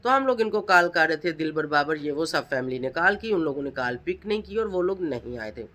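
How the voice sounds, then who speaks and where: Emphatic woman vlogger, bright voice. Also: low-pitched, expressive, fairly quick. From Pakistan. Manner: emphatic, accusing, rhetorical questions. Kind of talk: reaction vlog commentary.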